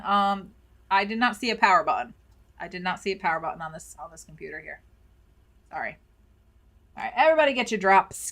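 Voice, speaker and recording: A woman's voice: mid-range voice, fairly bright tone. A woman streaming a video game, chatting playfully with her viewers and reading their messages aloud. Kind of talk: casual live-stream commentary.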